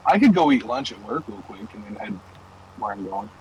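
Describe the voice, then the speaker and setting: A man's voice: lowish voice, sing-song, fairly quick, a little mellow, slight background noise, low-quality recording. A young man streaming and chatting loosely from his car, rambling through stories with plenty of swearing. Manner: loose, profane, rambling storytelling. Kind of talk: casual chat while gaming and driving.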